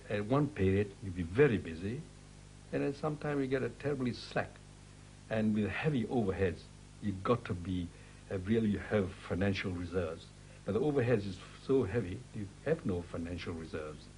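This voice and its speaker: A man interviewed about a former business partner, speaking haltingly with broken grammar. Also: lowish voice, expressive, darkish tone, slight background noise, poor audio. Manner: halting, hesitant speech with nonstandard grammar. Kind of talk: interview answers.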